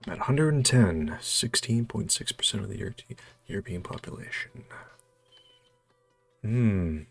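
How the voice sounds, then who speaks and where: Hesitantly muttering questions to himself, a North American man plays a geography quiz and thinks aloud casually, with music and keyboard typing behind him. His lowish voice is gravelly and husky, expressive, at a normal speed. There's no room sound.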